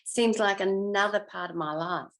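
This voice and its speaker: This older woman, over sixty, has a mid-range voice and a moderate pace. A retired actress in an interview, she chats reflectively, thinking aloud and letting her sentences trail off.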